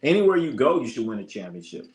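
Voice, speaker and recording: Hosting a sports livestream, an American man chats casually in slang, handing out blunt opinions and repeating lines for emphasis. His medium-pitched voice bounces in a sing-song pattern, and he talks fast.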